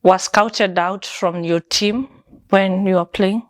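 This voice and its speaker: A woman's voice: mid-range voice, fairly even intonation, slow pace. A woman hosting her own show, thanking viewers politely and interviewing a guest. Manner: polite, many thank-yous, frequent mm-hmms. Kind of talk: vlog intro and interview.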